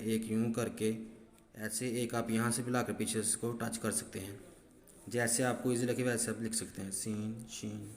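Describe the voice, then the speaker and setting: A man's voice: mid-range voice, darkish tone. A man teaching students how to write letters, explaining each stroke patiently and step by step. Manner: patient, step-by-step, repeats "ठीक है". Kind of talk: handwriting lesson. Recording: echoey room with faint background noise.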